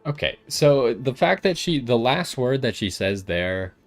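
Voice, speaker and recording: A man's voice: mid-range voice, very animated, measured pace, faint music behind. A man giving casual gameplay commentary, thinking aloud and asking himself questions as he goes. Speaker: gaming video host.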